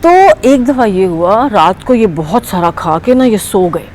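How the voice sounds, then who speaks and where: A woman telling a story to children, animated and often asking them questions. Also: medium pitch, unhurried, slight background noise.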